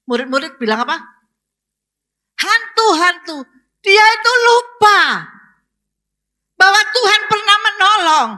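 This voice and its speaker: A woman pastor preaches with a bright, ringing voice pitched a little high. She asks the congregation questions and rises to emphatic exclamations. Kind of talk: sermon.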